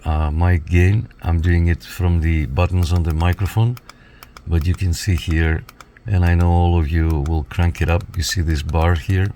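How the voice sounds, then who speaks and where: There's slight background noise behind this low, mellow male voice. He's a radio reviewer giving a casual demonstration, taking viewers through the equipment one step at a time.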